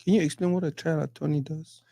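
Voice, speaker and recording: Interview host from Cameroon, affirming. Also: male voice, on the high side, quick pace, vocal fry, no room sound, studio quality. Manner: frequent affirming murmurs, animated questions. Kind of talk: interview conversation.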